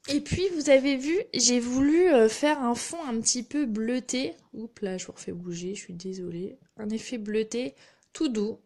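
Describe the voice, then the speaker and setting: A woman's voice: a little high, normal speed, a little mellow. A woman, chatting casually while she demonstrates a craft project on a live stream. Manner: chatty, narrates her hands-on work with little asides. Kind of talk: live craft tutorial chat.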